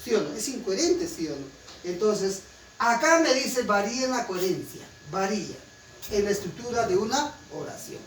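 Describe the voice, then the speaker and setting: A man lecturing a class speaks at a normal speed in a high voice with big swings in pitch. His accent is Peruvian Spanish from Huancayo, and he teaches emphatically, regularly checking in with students. The sound is distant and roomy with faint room noise.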